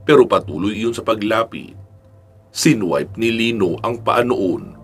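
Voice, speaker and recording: A man with a low voice narrates a serialized action story in a steady, even delivery. Soft music runs faintly beneath his narration. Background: faint background music.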